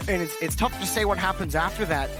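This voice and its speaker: High-voiced male esports caster over loud music. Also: fast. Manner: clipped phrases following the play. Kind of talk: esports commentary, calling the action.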